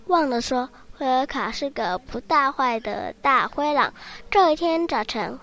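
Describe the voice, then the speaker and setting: A woman narrating a children's story in a lively, expressive way. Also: sits high.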